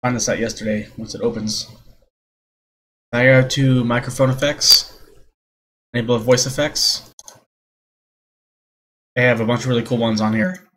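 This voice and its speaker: A man's voice: mid-range voice, steady tone, normal speed, pauses often, fairly bright tone, poor audio. A man at home at his computer, chatting offhand as he tests a new desk mic plugged into an old sound card. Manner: offhand, chatty, explaining as he clicks. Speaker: vlogger testing gear. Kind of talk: casual demo talk.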